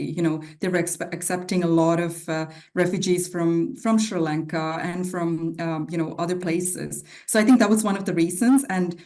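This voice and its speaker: A woman's voice: on the low side, darkish tone. A woman raised in Switzerland, a podcast guest, speaking in a reflective, casual way with many fillers. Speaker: guest, non-profit CEO. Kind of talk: casual interview talk.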